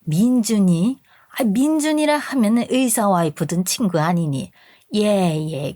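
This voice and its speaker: A woman's voice: medium pitch, darkish tone, no room sound, natural voice. A woman voicing a domineering, snobbish older mother-in-law who scolds and sneers at her daughter-in-law in a radio story drama. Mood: scornful. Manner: scolding, contemptuous.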